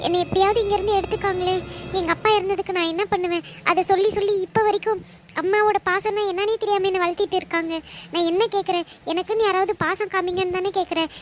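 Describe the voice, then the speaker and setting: A woman's voice: extremely high pitch, steady tone, fairly quick. A woman voicing a sad, unloved daughter in a cartoon, pleading and tearful. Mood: despairing.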